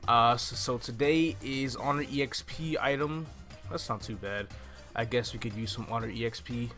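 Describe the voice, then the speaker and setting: Speaking at a moderate pace in a medium-pitched, slightly bright voice, this man in his twenties explains a video game walkthrough in a relaxed way. He's a gaming YouTuber working close to a stand-mounted desktop mic, with game music behind him.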